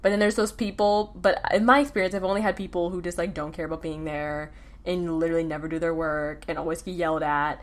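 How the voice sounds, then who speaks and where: A teenage girl talks through her school days on her own podcast, loose and rambling, full of fillers and self-corrections. Her voice sits a touch lower than most girls'. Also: little pitch movement, quick pace. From United States. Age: teens. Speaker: podcast host. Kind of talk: casual solo chat.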